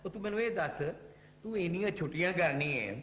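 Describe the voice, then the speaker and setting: A man's voice: high-pitched, expressive, quick pace, fairly bright tone, reverberant. An actor playing a grumpy, scolding retired father in an old TV drama. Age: older. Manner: grumbling, scolding, sarcastic. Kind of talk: 1980s TV drama acting.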